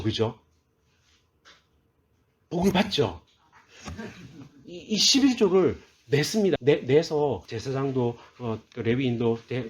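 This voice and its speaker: A man's voice: mid-range voice, slight background noise. A man preaching a sermon as a pastor, asking his listeners questions and answering them himself, and raising his voice to read scripture aloud. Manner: reads scripture aloud in a raised, forceful voice.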